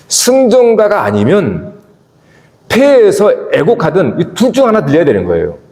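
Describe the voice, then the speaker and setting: A pastor preaches in a church sanctuary at a moderate pace, his fairly high pitch moving in wide, lively swings and dropping low between emphatic peaks. He keeps asking the congregation questions, and the recording carries the hall's roomy echo and long reverb.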